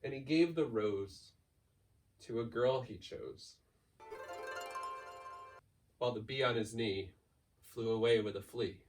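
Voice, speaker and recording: Over music and far from the mic, a man with a mid-range voice reads a children's book slowly, with long pauses. The school staff member makes it playful and theatrical, elongating key words and hurrying through piled-up lists.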